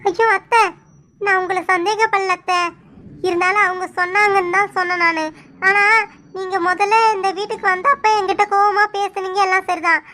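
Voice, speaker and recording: A woman's voice: extremely high pitch, steady tone, moderate pace, sharp tone, slight background noise. A woman voicing a suspicious young village wife in a cartoon, accusing and insistent. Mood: soothing. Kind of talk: cartoon voice acting.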